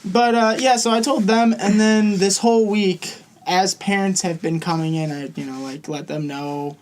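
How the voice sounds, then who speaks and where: A young man co-hosting a podcast in casual chat, an animated storyteller who acts out the voices of people he quotes. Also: high-pitched, moderate pace, a little hiss or hum. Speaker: podcast co-host.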